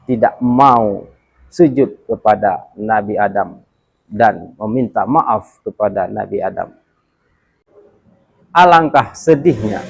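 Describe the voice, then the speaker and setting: A man, a religious teacher, delivering a storytelling sermon with dramatic, emphatic rises and drops. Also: medium pitch. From Aceh.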